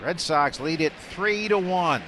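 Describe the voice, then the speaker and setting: Speaking at a measured pace in a slightly high voice, a man handles live radio play-by-play for a baseball game. He's in the broadcast booth of an outdoor ballpark, where stadium ambience provides a constant background noise.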